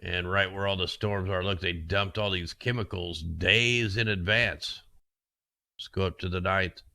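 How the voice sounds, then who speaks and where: A man's voice: sits low, steady tone, unhurried, vocal fry, bright, forceful tone, no room sound. A man casually talking through weather maps as host, rambling and conspiratorial, with his voice getting worn. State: losing his voice. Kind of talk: casual screen-share commentary.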